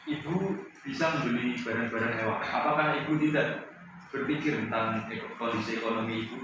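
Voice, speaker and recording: A man's voice: mid-range voice, fairly quick, lo-fi sound, close to an everyday voice. A man playing a defense lawyer in a mock trial, asking formal, polite questions. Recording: echoey room, distant mic, noisy.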